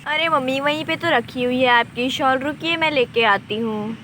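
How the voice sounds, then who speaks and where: A woman's voice: high voice, moderate pace, sharp tone. A woman voicing a dutiful young daughter-in-law who answers politely and eagerly. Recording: noisy home recording.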